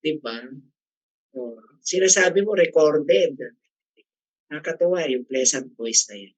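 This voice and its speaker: A man's voice: fairly high pitch, lively intonation, unhurried, no echo, low-quality recording. A middle-aged man leading a casual class discussion, chatty and teasing, often asking the group questions. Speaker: class facilitator.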